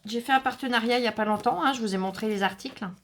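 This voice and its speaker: A woman's voice: fairly high pitch, rapid-fire. A woman hosting a casual crafting tutorial, chatting to viewers with many fillers and asides while she works. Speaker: craft channel host.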